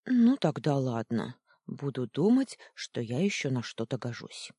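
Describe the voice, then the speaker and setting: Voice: mid-range voice, big pitch swings, measured pace, warm tone, husky, no room sound, studio quality. A storyteller voicing a small, timid winged male guardian creature who talks guiltily and tearfully in an audiobook. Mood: relieved.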